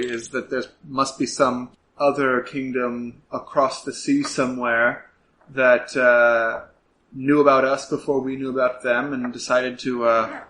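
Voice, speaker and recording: Male game master, bright, halting improv, faint noise behind. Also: medium pitch, rough recording. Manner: halting, filler-heavy improvising. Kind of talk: narrating a tabletop game.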